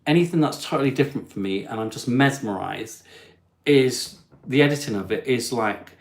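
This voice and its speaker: A man hosting a live stream, chatting and reading out viewer comments in a warm, self-deprecating way. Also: mid-range voice, expressive, moderate pace, echoey room. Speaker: host. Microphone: phone.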